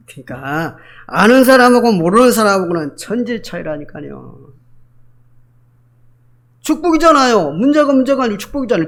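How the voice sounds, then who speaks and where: A male pastor delivering an emphatic church sermon, breaking into voiced quotes of biblical figures. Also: sits high.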